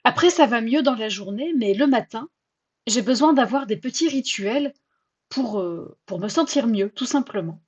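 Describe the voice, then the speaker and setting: A woman hosting a personal podcast, telling her own story in a chatty, self-mocking and expressive way. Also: a little high, moderate pace, slightly rough, muffled recording. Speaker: podcast host.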